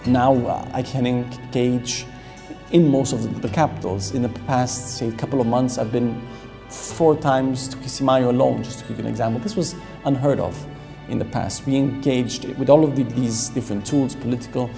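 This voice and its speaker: A man's voice: mid-range voice, fairly even intonation, normal speed, creaky, warm tone. A man speaking as a diplomat in an unscripted interview, in short, choppy phrases. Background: faint background music.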